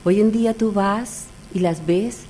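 A woman calmly explaining a shared experience in conversation. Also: mid-range voice, unhurried, slight background noise. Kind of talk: conversational account.

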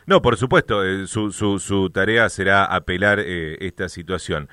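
A man with an Argentine Spanish accent hosting a radio interview, asking measured questions and murmuring acknowledgments. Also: deep voice, bright, forceful tone, clean tone, no echo, clean studio sound. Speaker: radio host.

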